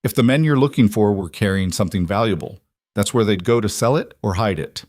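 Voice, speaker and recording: A man voicing a calm man of about forty who tends a wounded stranger, speaking quietly with a foreign accent. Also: lowish voice, dry recording, clean studio sound, natural voice. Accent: foreign accent in English. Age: 40s. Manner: quiet, measured, steady.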